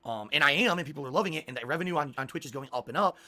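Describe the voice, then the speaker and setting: A man with a hoarse voice, talking casually and emphatically to a livestream audience in a monologue. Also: fairly high pitch, expressive, rapid-fire, sharp tone. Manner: profane, emphatic venting.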